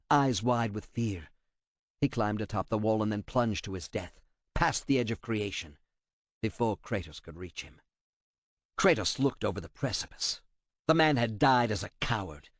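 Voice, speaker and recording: A man narrating an audiobook with a dramatic, expressive delivery. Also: fairly low pitch, no room sound.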